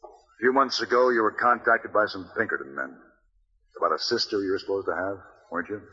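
A man playing a stern, relentless gunfighter in an old radio Western, speaking with deliberate menace. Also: fairly low pitch, bright, forceful tone, breathy edge. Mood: grave. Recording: muffled reverberant vintage radio recording.

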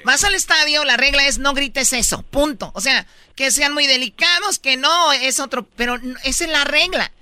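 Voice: sits high, normal speed, few pauses, sharp tone, no room sound. A radio co-host in casual, teasing banter with the other hosts. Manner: teasing, chatty, lets out bursts of laughter.

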